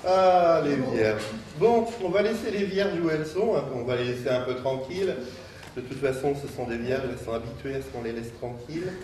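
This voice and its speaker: A man's voice: medium pitch, expressive, fairly quick. A man presenting a comic horoscope sketch on stage, joking and playing with words between chuckles. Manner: joking, wordplay, chuckling asides. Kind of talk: live comedy sketch on stage. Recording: echoey distant live stage recording with noise.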